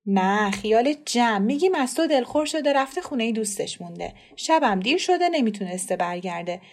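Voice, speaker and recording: A woman reading aloud who voices a calm, quick-thinking mother, reassuring and brisk. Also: on the high side.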